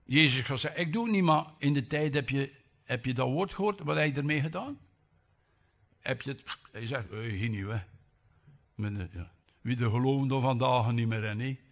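A man's voice: medium pitch, a little fast. A man preaching a sermon, reading scripture with emphasis and breaking off for chatty asides and tag questions.

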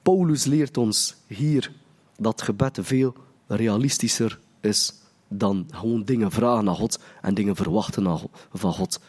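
A man's voice: on the low side, a little slow, a little mellow, husky. A man preaching a sermon in an earnest way, often restarting his phrases. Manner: earnest, restarts phrases, acts out quoted prayers.

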